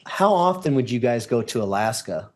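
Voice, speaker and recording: A man's voice: mid-range voice, sing-song, moderate pace, a little mellow. A man speaks as a lawyer examining a witness in a courtroom. His questioning is formal and orderly, built step by step, in an ordinary mid-range voice.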